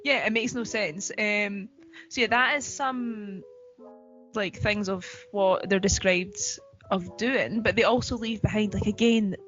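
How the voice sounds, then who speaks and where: A woman's voice: mid-range voice, steady tone, unhurried, fairly bright tone, highs cut off, faint music behind. A woman co-hosting a podcast in casual chat, talking in a chatty, giggly way with lots of fillers. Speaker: podcast co-host.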